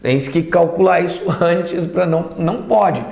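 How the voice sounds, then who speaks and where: A man teaching a Portuguese grammar lesson, lively, asking and answering his own questions as he explains. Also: sits high, measured pace, vocal fry, reverberant. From southern Brazil. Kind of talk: classroom lesson.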